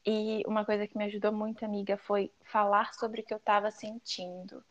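A woman's voice: mid-range voice, completely flat delivery, brisk, lo-fi sound. A Brazilian woman co-hosting a casual podcast, speaking in a reflective, personal way and repeating phrases for emphasis. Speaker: podcast co-host.

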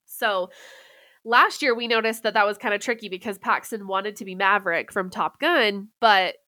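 A woman's voice: medium pitch, normal speed, pushed and bright, dry recording. A woman in her thirties, a podcast co-host, chatting casually while congested, upbeat and chatty. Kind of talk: casual chat.

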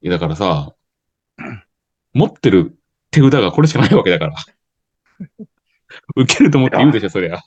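A man's voice: fairly low pitch, husky, highs cut off. A man co-hosting a podcast, chatting casually and teasing his partner. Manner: teasing, quick and lively. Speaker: podcast co-host. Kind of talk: casual banter.

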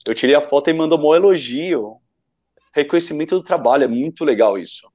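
In a dull, lo-fi podcast recording, a Brazilian guest who photographs running events spins enthusiastic, rambling stories in casual talk. His Brazilian Portuguese-accented voice is a little high, expressive, brisk, and darkish in tone.

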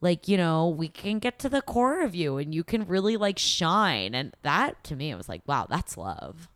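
A young woman chatting candidly on a podcast, her voice a little low but moving a lot in pitch. She talks with many fillers, and the sound is dry and close. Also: very animated, normal speed, a bit bright, no room sound. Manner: candid, opinionated, lots of "like" fillers. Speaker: podcast co-host. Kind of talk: casual chat.

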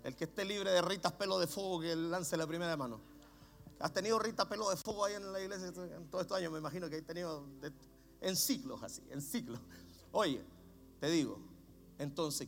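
A middle-aged man with a Chilean Spanish accent, preaching a sermon as a pastor, swinging from low murmurs to shouts.

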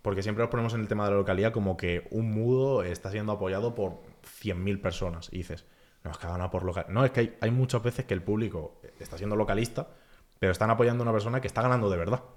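A man, chatting casually as a podcast guest in an animated, filler-heavy way. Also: lowish voice. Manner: animated, talks fast with lots of filler phrases. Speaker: guest, freestyle rapper.

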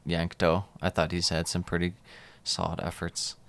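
A man's voice: low-pitched, monotone, normal speed, creaky, a bit bright. A man hosting a casual sports podcast, talking through soccer matches conversationally. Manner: conversational, asks co-host for opinions.

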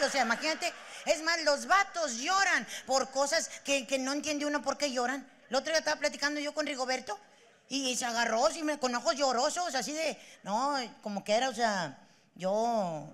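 A woman with a Mexican accent doing stand-up, crude and teasing in rapid banter. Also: high-pitched, sharp tone. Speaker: comedian. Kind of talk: stand-up comedy.

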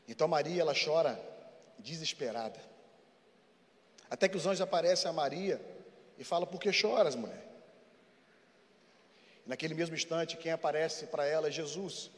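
Brazilian pastor guy preaching, pretty high voice, goes from fired up to hushed and back, big echoey church sound. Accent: Brazilian Portuguese. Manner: repetitive, swings between fervent proclaiming and hushed intimacy. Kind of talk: sermon. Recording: long reverb of a large hall.

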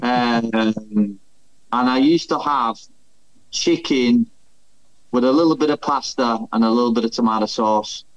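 A man's voice: medium pitch, a little slow, highs cut off. A man, a former footballer, chatting casually as a podcast guest, thinking aloud and laughing easily. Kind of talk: casual chat.

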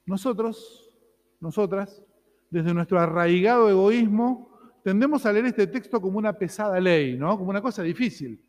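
Rioplatense man preaching, high voice. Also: animated, normal speed, big-room sound. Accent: Rioplatense Spanish. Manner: conversational, asks the congregation "¿no?". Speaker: pastor. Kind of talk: sermon.

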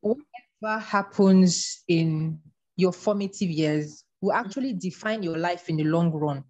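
A woman with a somewhat low voice speaks earnestly and in a measured way, working through her thoughts in an interview. Her delivery is steady and reflective. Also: muffled recording. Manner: earnest, measured, faith-based. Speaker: guest.

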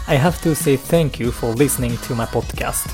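A man from Japan with a Japanese accent, hosting his own podcast in an unhurried, chatty way and moving between English and Japanese. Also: medium pitch, music in the background. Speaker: podcast host. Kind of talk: casual solo podcast talk.

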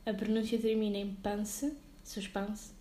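A young woman in her twenties with a European Portuguese accent, co-hosting a podcast in a playful, chatty way and thinking out loud. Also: fairly high pitch, steady tone, brisk, reverberant. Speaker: podcast co-host. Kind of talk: casual chat.

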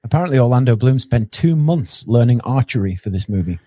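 Chatty podcast guy rambling about a movie, mellow husky voice, dry close sound. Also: medium pitch, lively intonation, fairly quick, no echo. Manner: chatty, rambling, with small restarts. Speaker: podcast co-host reviewing a film. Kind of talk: casual podcast chat.

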